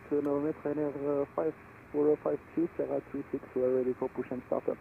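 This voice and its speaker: A man making clipped pilot calls over the radio, brisk and hurried. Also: on the high side, flat delivery, vocal fry. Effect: pilot heard over the radio. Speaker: virtual airline pilot. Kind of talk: radio calls with standard phrasing. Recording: muffled radio with noise.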